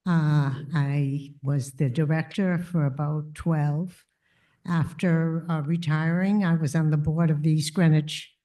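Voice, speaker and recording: Slow, low, mellow woman in her sixties. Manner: modest, halting. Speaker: retired housing director applying to a board. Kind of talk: answering questions at a public meeting. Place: town council chamber.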